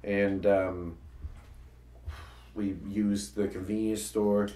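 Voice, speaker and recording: A man's voice: on the low side, flat delivery, drawn-out words, mellow, distant mic. A man co-hosting a talk about his comedy web series, chatting casually and often restarting his sentences. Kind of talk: casual chat. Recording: echoey room, voice a bit off-mic.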